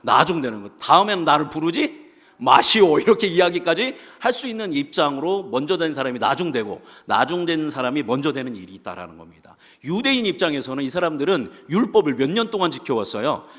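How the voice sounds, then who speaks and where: Preaching in a church sanctuary, this pastor has a slightly high voice with big pitch swings, speaking quickly with hardly any pauses. He repeatedly questions the congregation and answers himself, all under the long reverb of the church hall.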